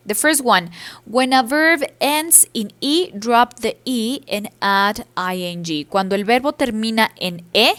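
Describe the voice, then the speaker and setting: Slow, careful woman teacher. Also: fairly high pitch, fairly bright tone. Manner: explains each rule in English then repeats it in Spanish, with fillers. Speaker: English teacher. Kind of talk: bilingual grammar lesson over slides.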